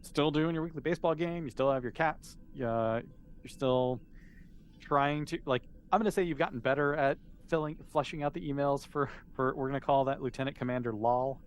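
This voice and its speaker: Acting as game master for a tabletop roleplaying game, a man explains and narrates in an informal, conversational style. His medium-pitched voice is smooth and a little fast.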